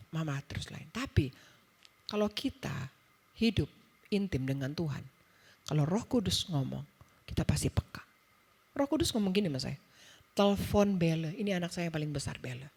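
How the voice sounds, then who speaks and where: Preaching at a church women's service, a middle-aged woman shares a personal story conversationally, acting out the dialogue and tossing in quick asides. Her voice is husky, lowish, and darkish in tone.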